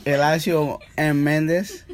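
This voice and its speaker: A man's voice: fairly high pitch, fairly even intonation, a little slow, slight background noise. A man in his forties being interviewed, giving short, hesitant answers. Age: 40s. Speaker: interviewee, father.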